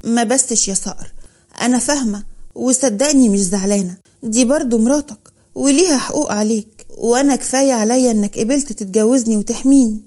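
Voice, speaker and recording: A woman's voice: a little high, fast talker, dark tone, lightly acted. Woman voicing a shy young Upper Egyptian wife. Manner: shy, hesitant.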